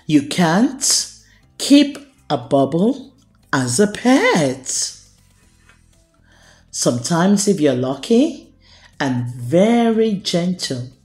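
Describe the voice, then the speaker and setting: A woman with a voice on the low side hosts a children's storytime, reading a picture book aloud with a deliberate, expressive storyteller's delivery.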